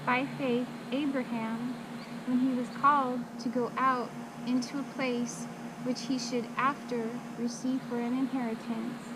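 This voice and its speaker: Slow woman reciting scripture by rote, noisy recording. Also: fairly high pitch. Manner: reciting by rote, in short measured phrases with pauses. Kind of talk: Bible recitation from memory. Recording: loud steady background noise.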